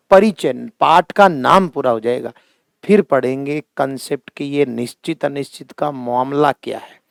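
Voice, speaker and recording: A middle-aged teacher with a Hindi accent and a medium-pitched voice with vocal fry works through a lesson at the board. Drawing words out slowly and emphatically to stress their sound, he warmly calls students "beta" and "bhaiya". The audio is clean studio sound without echo.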